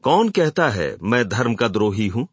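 A man voicing an earnest male reformer who makes a forceful appeal to a hostile hall in an audiobook. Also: lowish voice, sing-song, normal speed, husky.

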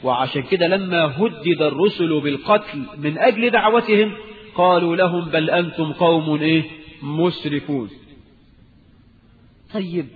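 A man's voice: a little high, normal speed, pauses often, in a large hall, narrow, tinny audio, a little hiss or hum. A man with an Egyptian Arabic accent preaching a recorded Islamic lecture, firing rhetorical questions and rising to emphatic outbursts.

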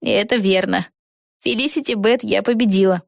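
A woman's voice: mid-range voice, steady tone, moderate pace, gravelly, dry recording, clean studio sound, lightly acted. A woman voicing a kind young girl witch who doubts herself, speaking modestly in a storybook reading. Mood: doubtful. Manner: modest, hesitant.

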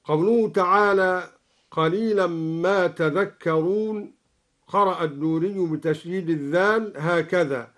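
A man explaining variant readings of scripture in a measured way, chanting each quoted verse in turn. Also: sits high. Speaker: Quran recitation scholar.

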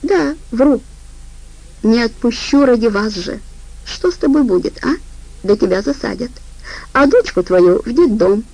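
A woman's voice: fairly high pitch, lively intonation, a little slow, creaky, long pauses, dark tone, voice pushed up, exaggerated voice, low-quality recording. Woman playing a smug, taunting crime boss. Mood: menacing. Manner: sly, taunting, sing-song. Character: mocking male crime boss, smug and menacing.

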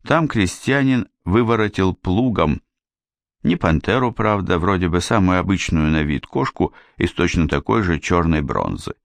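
A man reading as a calm, wry king. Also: deep voice, normal speed, vocal fry, dry recording. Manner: soft, gently teasing. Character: calm wry male king, confident ruler. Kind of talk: audiobook character reading.

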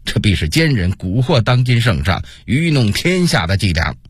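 A man's voice: on the low side, very animated, normal speed, breathy edge. A man doing a proud, indignant prince. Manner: stammering, indignant. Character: proud cautious middle-aged prince, shaken and resentful.

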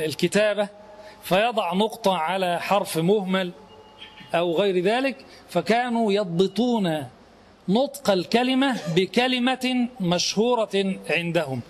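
A middle-aged man gives a grammar lesson in a fairly high voice. He asks the class questions and answers them himself, slowly repeating each key term until it sinks in. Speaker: religious grammar teacher.

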